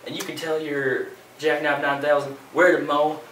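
A young man playing an infomercial salesman giving a stilted amateur hard sell pitch to a boy. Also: little pitch movement, moderate pace, lightly acted. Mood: salesy. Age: teens to young adult. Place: small bare indoor office room. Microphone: camera a few feet away. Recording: echoey small room, distant mic, faint noise.

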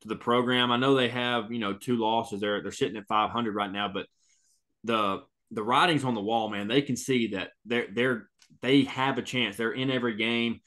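Another co-host on the college football podcast speaks at normal speed in a steady, mid-range, slightly bright voice. The sports talk is casual, and he's emphatic, repeating words and often saying "man."

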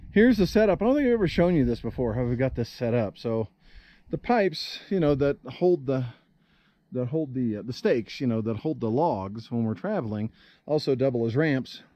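A man hosting a casual vlog outdoors in a forest clearing, explaining his work in a chatty, plain-spoken, joking way, recorded on a handheld camera. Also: mid-range voice, no room sound, highs cut off. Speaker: vlog host.

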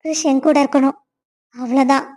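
A sharp, high-voiced cartoon stepmother, voiced by a woman, bossy and scheming. She scolds and lays out orders with cold certainty. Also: fairly even intonation, brisk, natural voice. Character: scheming stern stepmother, middle-aged.

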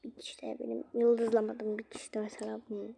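A woman's voice: a little high, completely flat delivery, normal speed, vocal fry, warm tone, slight background noise. A young woman narrating casually as she plays, chatting straight to her viewers. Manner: chatty, addressing viewers directly. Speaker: vlogger. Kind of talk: casual game play narration.

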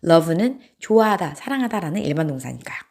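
A woman's voice: lowish voice, big pitch swings, fairly quick, darkish tone, faint music behind. A woman teaching English grammar in an online lesson, asking questions and then answering them step by step. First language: Korean.

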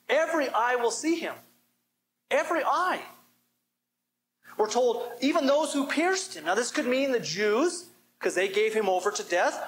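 A man's voice: sits high, fairly bright tone, a little hiss or hum, low-quality recording. A man preaching a sermon as pastor, emphatic and calling for responses from the congregation.

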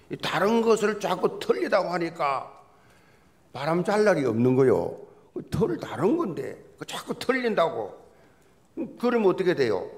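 Male pastor giving a sunday sermon in church, gravelly voice, jokey folksy storyteller, pitch all over the place. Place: church sanctuary.

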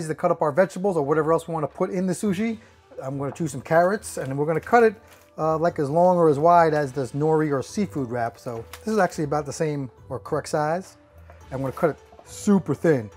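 A man's voice: fairly high pitch, fairly quick, darkish tone, faint music behind. A man co-hosting a cooking vlog segment, joking around playfully while explaining what to do. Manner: jokey, playful. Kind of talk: casual vlog banter.

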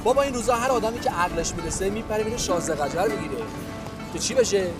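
High-voiced, wheedling schemer; insistent, teasing; heavy music bed. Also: male voice, animated. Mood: coaxing. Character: pushy ambitious young man coaxing a friend. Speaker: scheming friend. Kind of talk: period TV drama acting. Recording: loud music score underneath.

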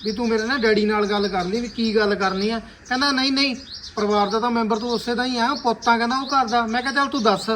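A man's voice: very high-pitched, fairly even intonation, fast talker, a bit bright, slight background noise. An actor playing a hot-tempered young village man who curses and angrily retells a conversation in a rural family drama. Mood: indignant retelling. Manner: angry, cursing, retells a conversation at length.

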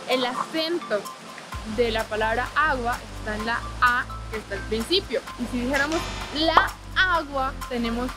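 A young woman, chatting outdoors as she tours a town and explains a grammar point to viewers. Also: sits high. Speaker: Spanish teacher and travel vlogger. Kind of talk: travel vlog with language tips. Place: outdoors in a small town and countryside. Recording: music playing behind the voice.

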